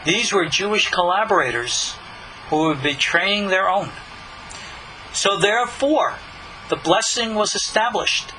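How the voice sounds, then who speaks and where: In this recorded Bible study, a male rabbi with a high, expressive voice works through scripture at a measured pace. His tone is bright and forceful, earnest and explanatory, climbing in emphasis on key points. There's slight background noise and the recording quality is rough.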